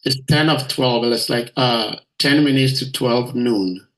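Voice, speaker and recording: A man's voice: medium pitch, unhurried, a bit bright, low-quality recording. A man from Ghana politely and hesitantly moderating questions in an online talk.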